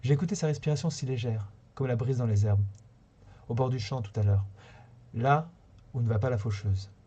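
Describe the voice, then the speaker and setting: A man reading a short story aloud on a live stream, unhurried, now and then stumbling and rereading a phrase. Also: mid-range voice, warm tone, husky. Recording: slightly dull lo-fi sound.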